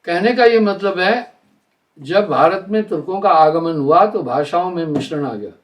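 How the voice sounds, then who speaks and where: An older man giving a live spiritual discourse in a deliberate, explanatory way, slowing down to spell out sounds. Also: high voice, animated, far from the mic. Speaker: spiritual teacher.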